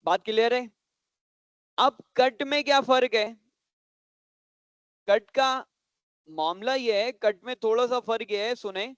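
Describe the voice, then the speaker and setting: A man teaches a computer class to children, pausing often to check that everyone understands and going back over each step. His voice is high, smooth and resonant. The sound is dry and close, with no room echo. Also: a bit bright. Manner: repeats points slowly and patiently.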